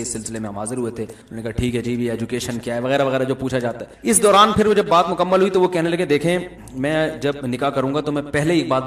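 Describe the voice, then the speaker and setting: A middle-aged man preaches in a lively, joking storytelling manner. His voice sits fairly high. The sound carries a roomy echo. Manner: lively storytelling with humor, often chuckling. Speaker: Islamic preacher. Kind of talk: Urdu religious talk with anecdotes.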